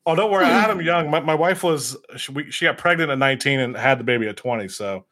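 A man's voice: on the high side, fast talker, fairly bright tone. A man in his thirties hosting a podcast in casual chat, laughing often and rambling with restarts. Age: 30s. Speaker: podcast host.

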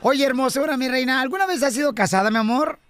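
A man's voice: extremely high pitch, fast talker, fairly bright tone, slight background noise. A man hosting a comedy radio show, teasing and flirting with guests. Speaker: radio host.

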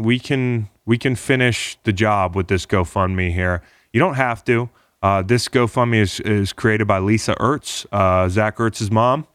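A man's voice: fairly low pitch, fairly bright tone, smooth, no room sound, studio quality. A man hosting a podcast, talking casually in a rambling, encouraging way. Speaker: podcast host.

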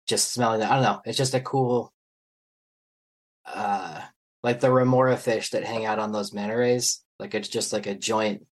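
A man with a husky, breathy voice talks as a podcast guest. He rambles loosely, leaning on fillers and letting sentences fade out softly. It feels like an easy, unscripted chat. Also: fairly low pitch, rough recording. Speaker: guest anthropologist. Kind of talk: casual podcast conversation.

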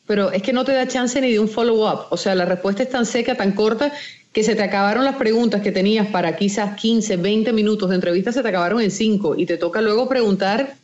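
A woman's voice: medium pitch, a little mellow, dull audio. A Venezuelan woman, a sports journalist guest, telling her story in an interview with frequent fillers. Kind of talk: conversational interview.

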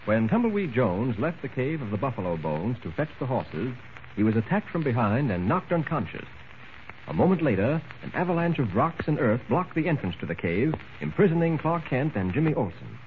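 A man's voice: medium pitch, very animated, a little fast, narrow, tinny audio, slight background noise. A man narrating a story in a dramatic 1940s radio drama style, heard through an old radio broadcast recording. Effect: old radio show broadcast recording.

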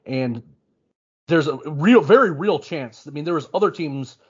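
A man's voice: fairly high pitch, lively intonation, normal speed, husky. A man co-hosting a sports podcast, talking casually and thinking aloud with frequent restarts. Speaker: podcast co-host. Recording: muffled lo-fi podcast audio.

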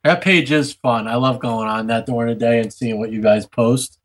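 A man's voice: mid-range voice, normal speed, a bit bright. A man co-hosting a podcast with casual, conversational delivery. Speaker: podcast co-host. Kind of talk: casual geek-culture chat.

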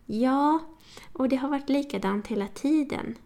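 A woman voicing touchy young Sara, raised pitch. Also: a little mellow. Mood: confiding.

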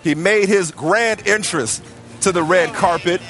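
A man's voice: sits high, unhurried, a bit bright. A man hosting a live sports show from a red carpet with gushing, hyped-up chatter about the guests.

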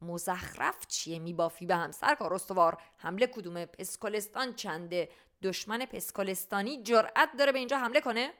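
A woman's voice: mid-range voice, fairly bright tone, close to an everyday voice. A woman voicing a blustering, dim-witted male army general in a storybook reading, barking orders.

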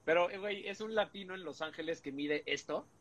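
A man in his forties with a Mexican accent, co-hosting a casual podcast, animated and slangy with lots of swearing. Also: high-pitched, a little fast. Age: 40s. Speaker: podcast co-host. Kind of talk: casual comedic chat.

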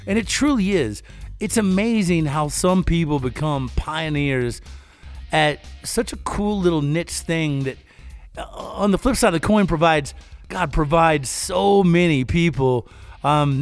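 A man co-hosting a car podcast, chatty and energetic, hyping up his guest. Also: fairly high pitch, unhurried, faint music behind. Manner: energetic, hypes the guest with sing-song show intros. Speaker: podcast co-host. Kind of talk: casual podcast chat.

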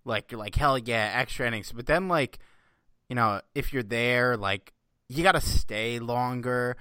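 American dude on a sports podcast, crisp bright voice, close dry sound, kinda rambly. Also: male voice, medium pitch, a little slow, no echo. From US East Coast. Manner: rambling, profane, filler-heavy. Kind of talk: casual sports chat.

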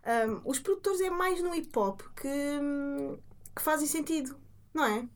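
A woman's voice: high voice, unhurried. A woman with a European Portuguese accent, interviewing casually on a podcast with informal, slangy, conversational questions. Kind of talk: casual chat.

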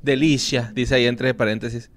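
A man's voice: mid-range voice, steady tone. A Mexican man co-hosting a casual podcast, bantering with slang and laughing easily. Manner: laid-back, slangy, quick to laugh. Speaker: podcast co-host. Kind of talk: casual chat.

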